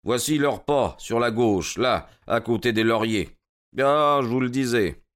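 A brisk, impatient detective from an audiobook, played by a male narrator, giving quick, commanding orders with urgency. His voice sits a little higher than the narrator's own. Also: a bit bright, close to an everyday voice. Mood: urgent. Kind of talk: audiobook character reading.

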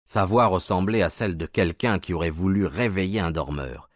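An actor narrating as a loyal, worried doctor companion, in a grave, measured manner. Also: male voice, sits low, no echo, clean studio sound, lightly acted. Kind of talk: radio drama narration.

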